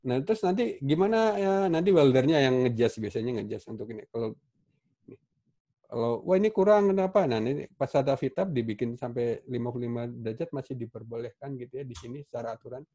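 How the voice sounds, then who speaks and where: Man, Indonesian accent, welding teacher, warm dark voice, casual halting lecture, many fillers, video call mic. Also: mid-range voice, expressive. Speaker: welding instructor. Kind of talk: online class lecture. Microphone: computer mic on a video call.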